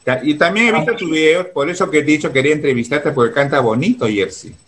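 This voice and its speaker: A man's voice: a little high, quick pace, a bit bright. A man running a casual online interview over a video call, chatty and full of fillers. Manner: chatty, many fillers like "pues" and "este".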